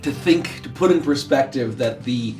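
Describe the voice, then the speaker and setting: A man's voice: medium pitch, normal speed, darkish tone, recorded from a distance, faint music behind. A man improvising his character's actions as a player in a tabletop role-playing game.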